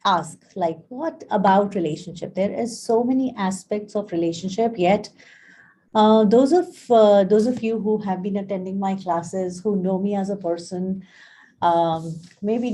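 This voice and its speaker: A woman's voice: medium pitch, dark tone, a little hiss or hum. A woman life coach talking casually on a live stream, telling stories and acting out the dialogue. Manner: chatty storyteller, acts out quoted dialogue; frequent fillers and restarts, friendly address to viewers.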